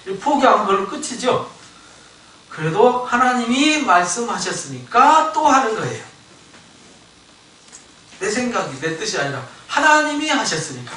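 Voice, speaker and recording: A male pastor giving a Bible lecture sermon, animated, acting out the voices of biblical figures and asking the congregation questions. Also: high voice, normal speed, long pauses. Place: church sanctuary. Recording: echoey church hall, mic at a distance.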